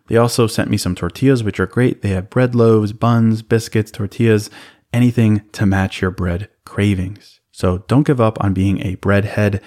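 A man with a low voice reads a sponsor spot for his podcast. His delivery is upbeat and relaxed, like a friendly sales pitch. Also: normal speed. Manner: upbeat, casual sales patter. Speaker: podcast host reading sponsor ads. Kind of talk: host-read advertisement.

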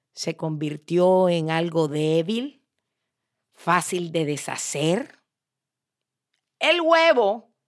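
A woman voicing a wise, patient father who is a chef, speaking calmly and instructively. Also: mid-range voice, no room sound, studio quality. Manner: calm, instructive.

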